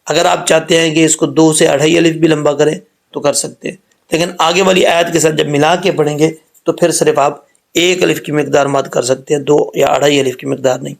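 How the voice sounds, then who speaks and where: A man teaching a Quran recitation lesson in a slightly high, gravelly voice. He walks through each rule patiently, step by step. He slows down to draw out the sounds so listeners can copy them. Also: little pitch movement. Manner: patient step-by-step explanation, slowing down to model sounds.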